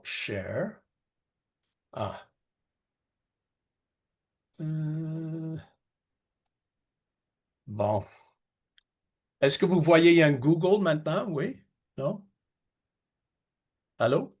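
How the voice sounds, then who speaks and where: A man's voice: a little high, big pitch swings, drawn-out words, gravelly, long pauses. A man whose first language is English, speaking French hesitantly with many fillers and slips into English as a guest speaker in a webinar. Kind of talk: webinar presentation. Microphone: video call.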